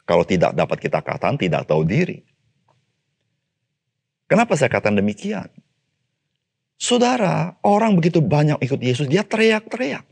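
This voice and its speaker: A man giving a devotional sermon as a pastor, speaking straight to his listeners, calling out some phrases loudly and dropping others low and quiet. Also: sing-song, normal speed, vocal fry, pauses often. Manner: addresses listeners as "Saudara"; swings between raised, emphatic calls and low, quiet asides.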